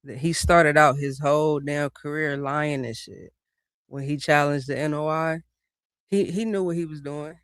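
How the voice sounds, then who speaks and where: A man's voice: fairly high pitch, fairly even intonation, moderate pace, a bit bright, clean tone, no echo, clean studio sound. Profane, mocking male reaction host. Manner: profane, mocking, laughs often. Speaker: reaction commentator. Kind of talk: casual live reaction commentary.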